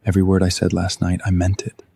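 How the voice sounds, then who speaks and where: An actor playing a powerful, protective, self-controlled crime boss in a romantic screen drama. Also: male voice, low voice, completely flat delivery, fast talker, gravelly, mellow, breathy edge, exaggerated voice. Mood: teasing, tender.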